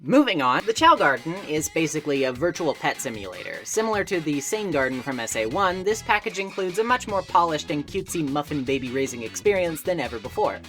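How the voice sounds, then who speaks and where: Narrating a scripted game-review video essay over background music, a woman speaks briskly with few pauses in a deep, fairly bright voice that swings widely in pitch. Her manner is wry and opinionated, full of conversational asides and mild swearing.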